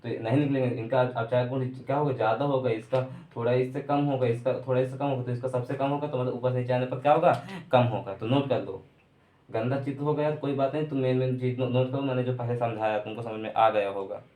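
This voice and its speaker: A man's voice: medium pitch, fairly even intonation, quick pace, warm tone. A man gives an online chemistry lecture in a room with lots of echo. His voice sits in a middle range. He repeats himself and asks rhetorical questions as he explains. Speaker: chemistry teacher. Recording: echoey room.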